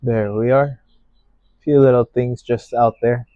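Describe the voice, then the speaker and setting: Male painting teacher, gentle and slow-paced, thinking out loud in short phrases; dry, slightly muffled recording. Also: mid-range voice, steady tone, dry recording. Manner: gentle, unhurried painting instructor, musing aloud in short phrases. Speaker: painting instructor. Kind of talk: unscripted painting tutorial narration.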